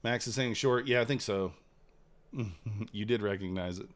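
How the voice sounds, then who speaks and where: This livestream trader host talks at a normal speed in a voice on the low side. His chat is casual and meandering, and he reads viewers' messages aloud before replying to them.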